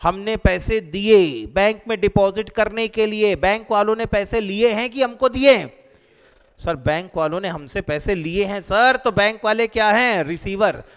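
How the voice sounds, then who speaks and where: Man teaching accounts, high smooth voice, lively and joking, reverberant classroom. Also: measured pace. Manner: animated, joking, quizzing students. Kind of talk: live lecture to students. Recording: long hall reverb.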